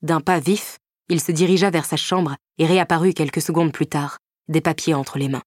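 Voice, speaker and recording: A woman narrates a first-person romance novel in a low, even voice. Her reading is measured and intimate, carrying quiet tension. The close, dry studio sound leaves no room echo. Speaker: audiobook narrator.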